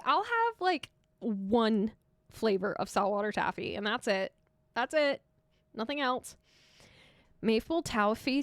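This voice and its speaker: A young American woman streams live, chatting casually and teasing her viewers, giggling and laughing often. Her voice is on the high side, and the sound is clean studio quality with no room sound.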